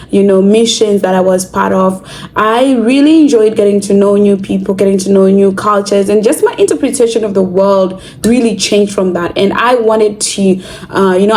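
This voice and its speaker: A woman's voice: medium pitch, mellow, low-quality recording. A young adult woman from Zimbabwe, talking earnestly and reflectively to camera in a casual vlog. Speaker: vlogger.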